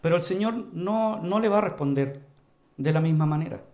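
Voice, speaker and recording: A man preaching an earnest, emphatic sermon to his congregation, repeatedly calling them brothers and moving between loud emphasis and quiet, low passages. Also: fairly quick, lo-fi sound. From Chile. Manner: earnest, emphatic, often addresses the congregation as "hermanos"; varies volume widely, rising to loud emphasis and dropping low.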